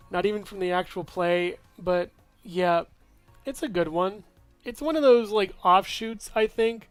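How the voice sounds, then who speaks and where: A young man chatting through movie reviews in a rambling, offhand way, laughing to himself. His voice sits fairly high for a man. The sound is dry and close to the mic, with faint music underneath. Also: a little slow, smooth, dry recording. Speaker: movie reviewer, channel host. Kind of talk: casual movie review chat.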